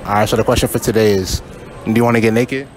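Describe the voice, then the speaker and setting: A man's voice: on the low side, fairly even intonation, fast talker, soft background music. A young man doing a casual prank street interview in a shopping mall with a handheld mic, laid-back and teasing, filling his talk with "you feel me" and "like".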